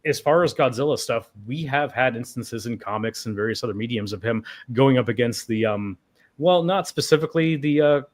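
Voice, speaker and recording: A man's voice: medium pitch, fairly quick. A man hosting a livestream panel, talking casually with wry, rambling asides. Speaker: host.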